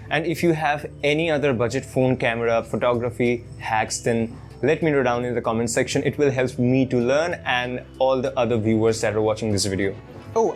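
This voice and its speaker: Male tutorial host, mid pitch, tidy and encouraging advice delivered step by step, faint music underneath. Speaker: host of a tech tutorial channel. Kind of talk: scripted tutorial narration, addressing viewers. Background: background music.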